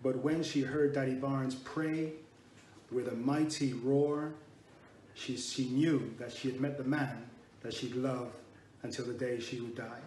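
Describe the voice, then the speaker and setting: A man reads a memorial tribute at an even, measured pace, catching himself and restarting a phrase now and then. He sits back from the mic, so the room echo comes through. A faint hiss of noise runs underneath. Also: mid-range voice. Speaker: eulogy reader. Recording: roomy and distant with faint noise.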